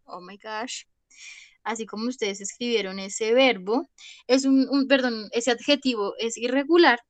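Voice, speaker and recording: A woman's voice: on the high side, fairly even intonation, a little slow, no room sound. A young woman, an English teacher giving an online class on video call, patient and always checking with "¿listo?".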